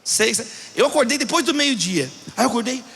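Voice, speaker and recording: A male pastor with a very high, bright voice preaches with animated storytelling. He acts out the people in his stories. The sound rings with the long reverb of a large hall. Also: moderate pace, gravelly. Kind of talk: sermon.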